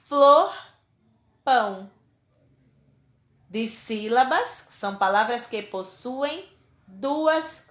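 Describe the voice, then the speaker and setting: Slow, clear woman teacher in an echoey room. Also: on the high side, fairly bright tone. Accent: Brazilian Portuguese. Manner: slow, clear dictation, stretching out example words. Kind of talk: children's lesson.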